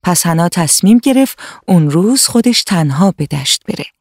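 A woman narrating a children's fairy tale in a calm, steady storytelling manner. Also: fairly low pitch, no echo, studio quality. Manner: calm, warmly paced storytelling.

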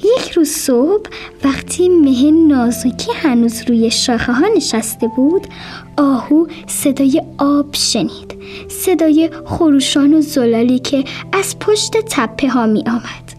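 Soft-spoken woman reading a kids' story, high voice, whispery bits, light music behind. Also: expressive. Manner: gentle, soft, often drops to a whisper. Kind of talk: children's story narration.

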